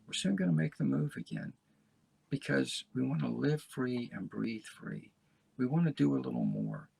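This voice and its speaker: A gravelly, husky man in his seventies, talking in a folksy, rambling way and urging his listeners on. His pitch swings widely, and the recording is close and dry. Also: big pitch swings, moderate pace, a little mellow, no echo. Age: 70s. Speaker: podcast host. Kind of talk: motivational casual talk.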